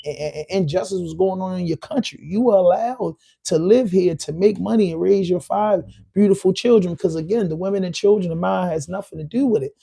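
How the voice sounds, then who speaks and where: A man hosts his own livestream podcast, riffing loosely to the chat. His voice sits a bit high for a man and has a dark, mellow tone. He talks in a heated, emphatic way, circling back to repeat his points. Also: vocal fry. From Baltimore. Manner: heated, repetitive, emphatic street talk. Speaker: podcast host. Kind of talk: live-stream commentary.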